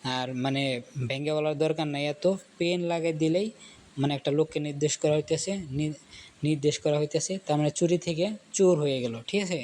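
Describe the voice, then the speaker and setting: A man talks through a casual language lesson, repeating words and checking in with his listeners. His voice sits a little high for a man. A faint hiss of noise runs under the recording. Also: fairly even intonation, darkish tone. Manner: explains slowly, repeats words, often asks "ঠিক আছে?". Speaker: language teacher.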